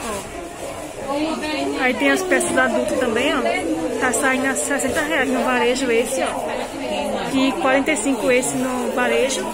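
A vlogger films a casual walk through busy, half-outdoor market stalls on a handheld phone, chatting, calling out prices to viewers, and asking vendors questions. Her voice sits high with fairly even intonation, at a moderate pace with long pauses. The rough recording is full of loud crowd noise.

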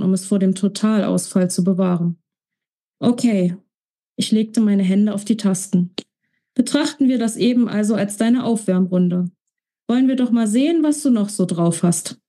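Woman, author reading, romance novel, mellow tone, measured pace. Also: medium pitch. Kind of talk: audiobook-style reading.

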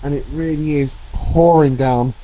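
A man talks his way through a holiday vlog, his voice a little hoarse from a cold. He rambles in an easy, chatty manner, filling gaps with ums and uhs. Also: a little high, steady tone, unhurried, warm tone, dull audio, a little hiss or hum. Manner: chatty, rambling with many fillers. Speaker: travel vlogger. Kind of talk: casual vlog narration.

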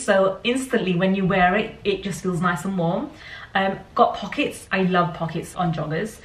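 A young woman with a Yorkshire accent chatting casually through a clothing try-on haul, with light laughs and small restarts. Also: medium pitch. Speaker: fashion vlogger. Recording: roomy, slightly distant home recording.

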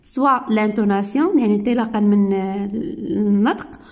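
A woman teacher with a Moroccan accent giving a grammar lesson, slowly and deliberately, repeating key words and mixing French with Moroccan Arabic. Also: medium pitch. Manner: switches between French and Moroccan Arabic while explaining. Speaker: primary school teacher.

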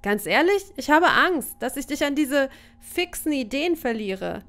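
A woman's voice: high-pitched, big pitch swings, measured pace, a bit bright, voice pushed up, full character voice. Worried young man, doubtful, skeptical, read by a woman. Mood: pleading.

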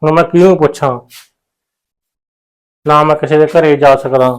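A man's voice: fairly high pitch, fairly even intonation, moderate pace, clear, resonant tone, close to an everyday voice. An actor playing a worried village man with a Punjabi accent, muttering to himself. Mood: fretting. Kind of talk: village short film acting.

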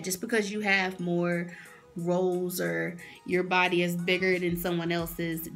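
A woman's voice: fairly low pitch, fairly bright tone. A woman in her early twenties, talking straight to camera in a blunt, fired-up, swearing casual rant from a small room. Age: early 20s. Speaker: vlogger.

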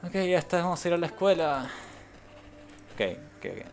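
A man's voice: fairly high pitch, normal speed, gravelly. A young man, streaming a game, reading the game's text aloud and reacting with casual, sarcastic, swearing asides.

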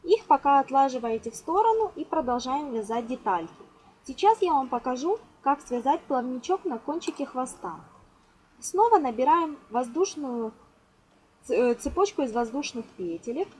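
At a table indoors, a craft tutorial host gives an informal, step-by-step lesson, patiently counting aloud and using affectionate diminutives. Her high, darkish voice has lively intonation and a moderate pace, on a rough amateur home recording with clear background noise.

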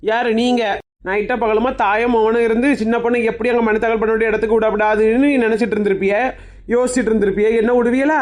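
A woman's voice: on the high side, steady tone, fast, a little mellow, natural voice. A woman with a Kanyakumari Tamil accent playing a young, argumentative daughter-in-law in a comic family sketch. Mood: bickering. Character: young sulky daughter-in-law, quick to argue.

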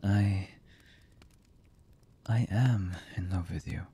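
Heavily acted, this performance has a man voicing a brooding, lonely young villain for anime boyfriend ASMR. The husky, low and mellow voice hovers near a whisper, and his very slow, hesitant delivery feels tender, confused and intimate, like a confession.

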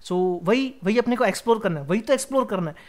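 A man's voice: high voice, expressive, quick pace. A young man hosting a music reaction video, chatting casually and energetically while mixing in English phrases.

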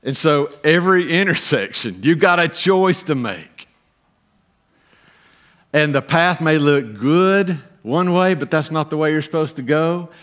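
On a church stage, a middle-aged man delivers a lively sermon as pastor. His slightly high voice pauses often and climbs in emphatic rises.

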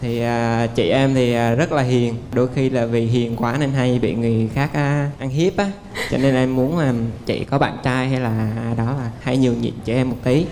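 A man's voice: mid-range voice, steady tone, moderate pace, a little mellow, a little hiss or hum. Hesitant, polite young man. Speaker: contestant's younger brother. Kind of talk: introduction to the show.

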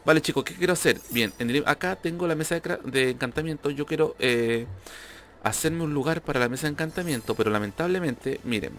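A man's voice: a little high, brisk, a bit bright. A young man giving casual commentary over his own gameplay, talkative and prone to repeating himself when frustrated. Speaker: gamer youtuber. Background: faint background music.

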